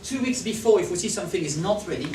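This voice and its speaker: Talking fast in a high-pitched voice, a French-accented man presents at a conference, animated and repeatedly asking whether the audience follows and agrees. He's recorded at a distance in a large, roomy hall with slight background noise.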